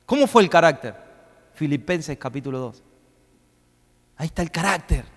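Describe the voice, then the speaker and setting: A man preaching a sermon as pastor, swinging between loud, rising questions and quick asides. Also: a little high, expressive. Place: church hall. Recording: long reverb of a church hall.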